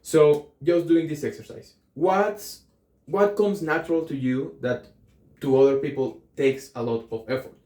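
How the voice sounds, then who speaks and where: In a reflective vlog, a young Colombian man speaks casually to the camera, thinking aloud with lots of ums and self-corrections. His voice is slightly high, a touch slow, and dark in tone, and the room is echoey.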